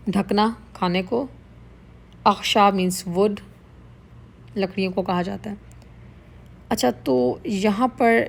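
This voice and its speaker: A woman's voice: medium pitch, vocal fry, a little mellow. A woman teaching Arabic vocabulary, explaining words patiently in Urdu mixed with English and repeating them. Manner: patient, explains each word slowly and repeats it.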